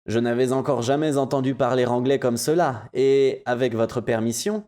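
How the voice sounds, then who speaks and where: A man's voice: mid-range voice, moderate pace, warm tone, close to an everyday voice. A man voicing a gallant, courtly host with gracious, complimentary speech in an audiobook.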